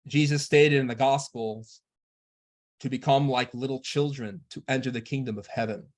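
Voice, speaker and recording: A man speaks at a middle pitch, neither high nor low, giving a spiritual lecture. His delivery is measured and earnest, unhurried like a teacher laying out instructions. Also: fairly even intonation.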